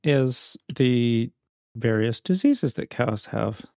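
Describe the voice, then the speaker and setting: A man co-hosting a casual talk show who argues his points in a measured way and builds analogies. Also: medium pitch, animated, creaky, darkish tone, smooth, no echo, clean studio sound. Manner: measured, argumentative, uses analogies. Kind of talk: casual chat.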